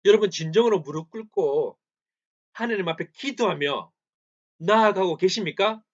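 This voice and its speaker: Male preacher, fairly high voice, rhetorical questions and repeated lines, sermon recorded in church. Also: animated, moderate pace. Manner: asks the congregation questions and answers them himself; repeats phrases for emphasis. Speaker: pastor. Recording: slightly dull lo-fi recording.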